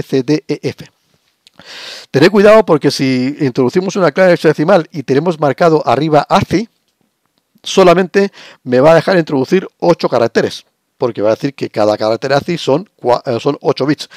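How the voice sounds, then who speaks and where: A man's voice: a little high, darkish tone, no room sound, clean studio sound. Man teaching over screen share. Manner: explanatory, frequent rhetorical checks. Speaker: lecturer. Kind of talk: recorded screen-share lesson.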